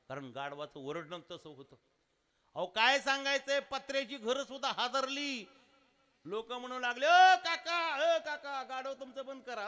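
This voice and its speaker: A man with a Marathi accent preaching a devotional kirtan, telling a story and acting out village voices. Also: very high-pitched. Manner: animated storyteller, acts out village voices, breaks into sung verses. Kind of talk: devotional sermon storytelling with song. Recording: live outdoor sermon with accompanying music.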